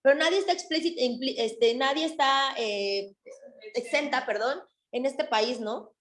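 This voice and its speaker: Woman, high voice, conversational classroom lecture, echoey room. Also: a little slow, fairly bright tone. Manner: conversational, frequent tag questions. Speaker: nursing instructor.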